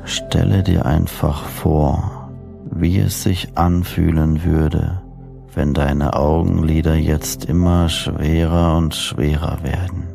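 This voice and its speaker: A man narrates a guided sleep story in a deep voice with a creaky edge. His phrasing is soothing and deliberate, with pauses between short phrases. New-age music plays clearly behind him. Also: flat delivery. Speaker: host and hypnosis coach narrating sleep meditations.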